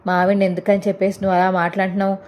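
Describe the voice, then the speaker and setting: A woman's voice: medium pitch, completely flat delivery, very fast, a little mellow, close to an everyday voice. Woman voicing a taunting young husband. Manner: taunting, sarcastic. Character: hot-tempered young husband defending his wife.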